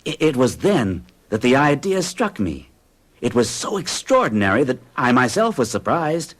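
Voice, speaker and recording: The performance comes from 1970s radio drama: a male actor in his 40s voices a jittery accountant set in his ways. He recounts an odd happening earnestly and uneasily, keeping a moderate pace while his pitch stays lively.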